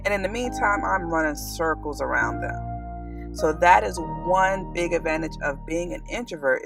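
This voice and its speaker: A woman's voice: low voice, vocal fry, far from the mic. A woman with a Southern US accent, a vlogger and kindergarten teacher, talking earnestly and reflectively to the camera outdoors in a park, with frequent ums. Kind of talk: casual talk to camera.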